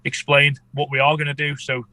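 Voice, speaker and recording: Male interview guest, casual, congested underwater-sounding voice from a cold, slightly high, very bright. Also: monotone, fairly quick, no room sound, low-quality recording. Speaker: podcast guest, amateur shark expedition filmmaker.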